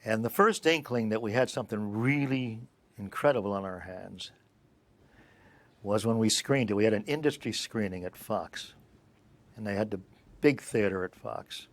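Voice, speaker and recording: An older male film producer telling animated interview anecdotes and acting out the dialogue. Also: on the low side. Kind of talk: interview storytelling.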